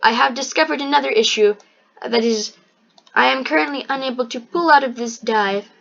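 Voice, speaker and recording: A woman's voice: high voice, normal speed, creaky, a bit bright. A woman narrating a space-flight game in a wry, mock-formal way, sometimes drifting into put-on accents. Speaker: gameplay narrator. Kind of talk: gameplay commentary. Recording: dull lo-fi microphone.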